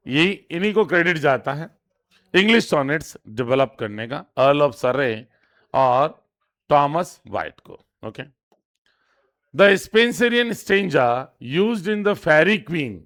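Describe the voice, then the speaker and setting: A man teaching an exam-prep lesson, reading each question out slowly and then explaining it step by step with frequent repetition. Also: on the high side, a bit bright. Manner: reads English questions slowly, then translates. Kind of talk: exam lesson in Hindi with English terms.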